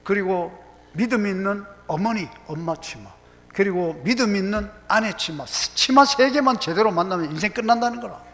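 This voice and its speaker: A man's voice: high voice, normal speed, a bit bright. A middle-aged man with a Gyeongsang accent preaching a sermon as pastor, telling folksy stories and slipping into quoted voices and dialect. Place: church sanctuary. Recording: long hall reverb, faint hum.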